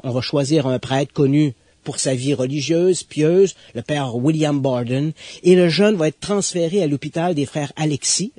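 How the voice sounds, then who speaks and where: A man, recounting an exorcism case in a conversational storytelling style, building suspense with emphatic pauses. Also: on the high side, mellow, no room sound. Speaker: guest expert.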